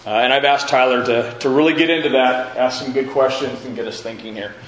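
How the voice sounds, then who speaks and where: A man leads an informal Bible class at church, repeating and rewording his questions for emphasis as he speaks to the group. His voice is medium-pitched, fairly even and fairly quick. The large indoor room is very echoey, with faint noise and the class present.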